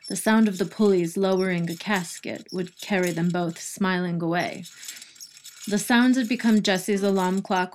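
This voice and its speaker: A woman narrating an audiobook in a measured, introspective way. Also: medium pitch. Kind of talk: scripted narration.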